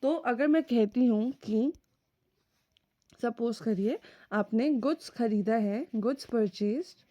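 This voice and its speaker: A woman's voice: on the high side, slow pace, warm tone. A woman teacher giving a recorded accounting lecture, explaining step by step and often checking whether her students follow. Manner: mixes English terms into Hindi speech.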